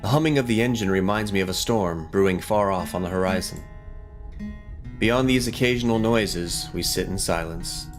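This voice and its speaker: Guitar game music backs a deep-voiced gaming video host as he delivers casual let's play commentary at a normal speed. He thinks out loud in an informal way and sometimes reads the game's text.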